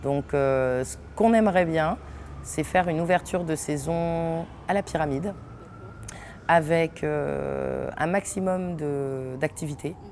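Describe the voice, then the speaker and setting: Low-voiced woman, lively and hesitant. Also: slow, creaky, a little hiss or hum. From French Guiana. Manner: lively, laughs often, many hesitations. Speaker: actress and theatre company owner. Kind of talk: interview answers. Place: unfinished theatre hall.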